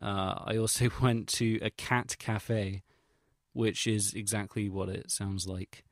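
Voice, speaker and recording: A young man from England, a vlogger, talks slowly in a low, level voice with an English accent. The sound is clean studio audio without room sound, and his audio log is casual and rambling, hesitant and self-deprecating, peppered with slang and swearing.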